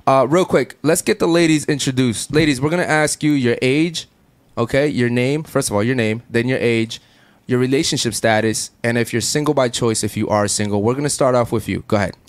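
In a Miami studio with no room sound, a medium-pitched man runs a laid-back podcast conversation. He's loud-mouthed and profane, peppering his guests with quick-fire questions.

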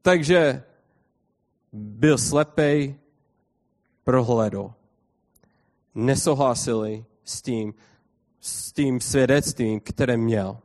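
A man's voice: mid-range voice, long pauses, a little mellow. A man preaching a sermon, reading scripture aloud and explaining it to his congregation. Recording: long hall reverb.

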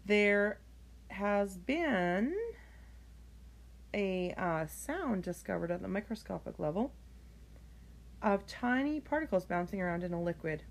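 Woman host, low and tired, chatty late-night podcast ramble. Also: a little hiss or hum. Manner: rambling, self-deprecating, chatty. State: tired, yawning. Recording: home recording, phone held up for clip.

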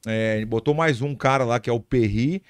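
A man's voice: mid-range voice, normal speed, smooth, dry recording. A middle-aged man hosting a casual podcast chat, rambling through his stories with many restarts. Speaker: podcast host.

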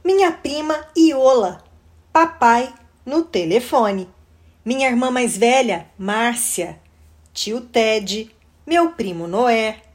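A woman, reading a children's book aloud in a lively, animated way. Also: on the high side, takes it slowly. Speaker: storybook reader.

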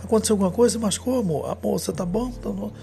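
A man doing a high fretting wife. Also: creaky, warm tone, faint music behind. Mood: worried. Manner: rapid worried repeated questions in a high put-on voice. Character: anxious doting wife, adult woman, fussing.

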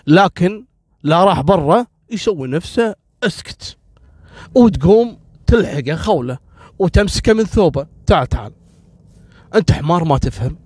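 A man's voice: a little high, darkish tone, slightly rough, dry recording, studio quality. Chatty storyteller man. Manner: chatty, emotional asides. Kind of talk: casual spoken storytelling.

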